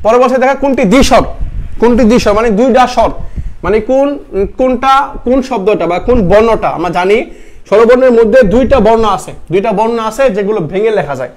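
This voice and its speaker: A young man with a notably high voice runs a live online grammar class. He repeats every question several times, quizzes his viewers and reads out their comment answers. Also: fast, a little mellow. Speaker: admission test tutor.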